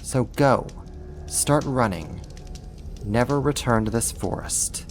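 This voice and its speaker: Here the sadistic half-spider monster of an ASMR horror roleplay sounds irritated and dismissive, still slow, theatrical and condescending toward the human captive, though only lightly acted. The performer's pitch is moderate, with some noise in the background.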